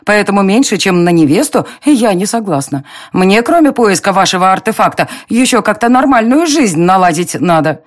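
A narrator voicing a quick-tempered young woman in an audiobook. She speaks high and sharp, and her indignant lines jump in pitch. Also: animated, no echo, clean studio sound, close to an everyday voice. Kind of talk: audiobook reading.

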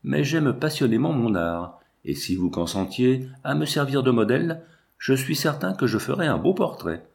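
A man reading the part of an earnest, proud young painter in a storybook, sincere and measured. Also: medium pitch, animated, gravelly. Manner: earnest, then cold and stiff.

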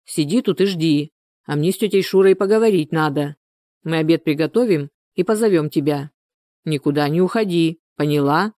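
A woman reading the lines of a pushy, hot-tempered married man in an urgent, gruff manner. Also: low voice, moderate pace, warm tone, no room sound, studio quality, lightly acted. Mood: irritated.

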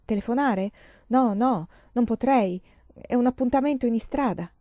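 A young mother, torn and pressured, answers in a tense, halting voice, as a woman reading a novel aloud plays her. The voice is warm and mellow, and the recording is dry and slightly dull. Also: a little high, dry recording, pitched above the performer's own voice, natural voice. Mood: anguished.

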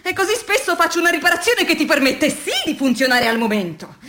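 Against a noisy background, an actress with a high voice talks fast and very animatedly, sounding exasperated. Her role is a weary, anguished factory worker whose diary confessions in this radio drama swing between soft and vehement.

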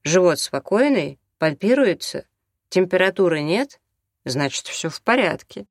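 A man's voice: high voice, very animated, unhurried, dry recording, clean studio sound, voice pushed up, full character voice. A man reading an audiobook, voicing a brash, hard-drinking doctor who jokes and orders people about. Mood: bossy. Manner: jokey, bossy, offhand.

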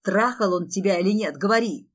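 A woman reading aloud, voicing a furious, jealous young man who shouts and snarls his accusations. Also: lowish voice, normal speed, lightly acted. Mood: enraged.

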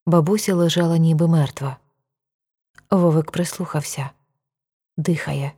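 Woman reading an audiobook, calm and even, lowish mellow voice. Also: a little slow, breathy edge. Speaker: audiobook reader. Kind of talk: audiobook narration.

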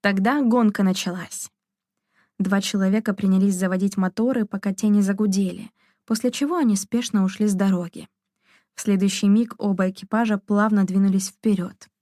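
A woman narrating a novel in an even, measured storytelling manner. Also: medium pitch, no echo, studio quality. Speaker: audiobook narrator. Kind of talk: scripted narration.

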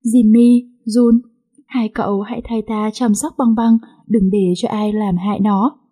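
A woman voicing a frail, dying old father who speaks slowly and tenderly to his daughter. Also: mid-range voice, steady tone, mellow, breathy edge.

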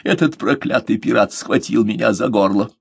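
A man's voice: lowish voice, moderate pace, vocal fry, slightly rough, no room sound, clean studio sound. A man doing a terrified, spluttering colonel. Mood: panicked. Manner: trembling, pleading, spluttering. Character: cowardly, frightened colonial colonel, older man.

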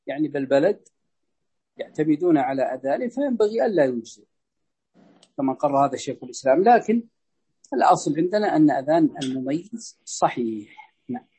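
Guy teaching a religious text, pretty high husky voice, slow and careful, sounds out examples. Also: dark tone. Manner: measured, demonstrates pronunciations aloud. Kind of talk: explaining a legal text in a lesson.

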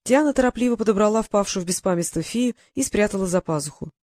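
Steady fantasy audiobook narrator. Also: mid-range voice, fast, no echo, studio quality. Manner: steady storytelling, voices each character.

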